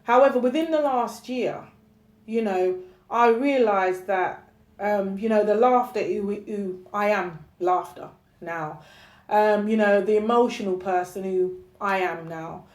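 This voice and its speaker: In a roomy, echoey space, a woman poet talks reflectively and candidly about her own work. Her medium-pitched, darkish voice moves at a measured pace, conversational and emphatic, with frequent "you know" and questions checking that the listener follows.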